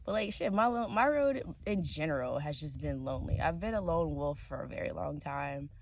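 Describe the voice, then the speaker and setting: A woman's voice: low voice, expressive, normal speed. A young woman vlogging at a campsite, talking candidly and with plenty of profanity. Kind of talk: casual vlog monologue. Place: campsite outdoors. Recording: outdoor background noise.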